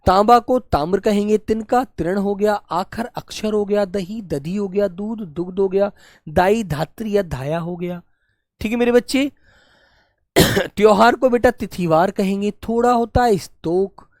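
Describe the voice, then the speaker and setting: A woman's voice: mid-range voice, darkish tone, dry recording, clean studio sound. Woman teacher listing words for students. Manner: calls students "beta", lists word pairs slowly; clears throat often. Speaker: Hindi teacher. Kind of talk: live online exam-prep class.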